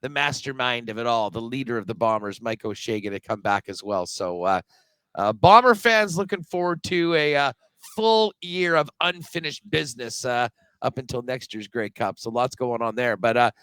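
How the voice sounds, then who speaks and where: Brief: male betting co-host heard over a video call, dry sound, bright tone, rambling casual delivery. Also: medium pitch, moderate pace, smooth, no echo, rough recording. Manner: chatty, loose, with frequent um and uh. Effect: remote guest on a video call. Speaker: sports betting podcast co-host. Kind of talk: casual sports betting chat.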